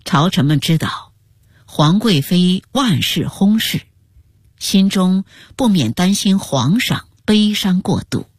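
Female radio storyteller, lower-pitched, melodic delivery, hushed, dry close sound. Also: animated, breathy edge, no room sound. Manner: slow, hushed, sometimes sinks into a whisper. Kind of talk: scripted radio story narration.

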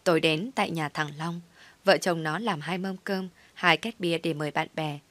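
Woman storyteller, low voice, dry close recording, steady scripted narration. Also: normal speed, dry recording. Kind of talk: scripted first-person narration of a comic story.

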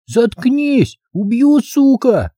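A man voicing a bratty, lisping six-year-old boy who yells rudely. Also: very high voice, sing-song, drawn-out words, no echo, voice pushed up, full character voice. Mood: angry. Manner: rude, bossy, yelling.

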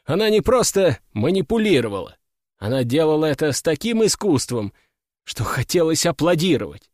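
A man reading a first-person fantasy audiobook in a wry, even storytelling manner. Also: a little high, normal speed, no echo. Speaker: audiobook narrator.

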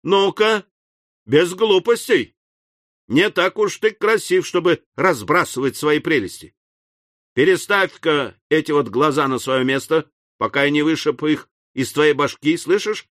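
A man voicing a gruff, threatening young manservant. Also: a little high, a little slow, no room sound, studio quality, pitched above the performer's own voice. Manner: loud, gruff and scornful. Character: rough quick-tempered young manservant, blunt and threatening.

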